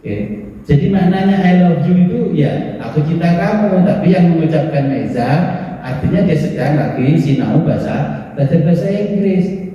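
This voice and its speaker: A man's voice: a little high, animated, normal speed. A man teaching religion, joking between chanted prayers. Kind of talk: sermon lesson on a book. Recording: distant echoey hall, muffled.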